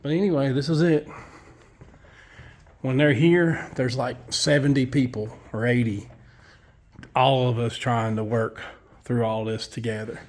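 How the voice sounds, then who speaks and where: A man's voice: medium pitch, steady tone, unhurried, pauses often. A man, a construction worker giving a casual walkthrough of a building site, blunt and profane as he tells his story.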